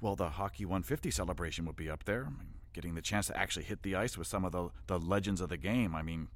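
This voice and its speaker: In a satirical audio drama, an actor plays a flustered, over-polite event organizer who stammers and strains to please while hiding his exasperation. He sounds nervously agreeable, speaking fast in a low voice against heavy background noise.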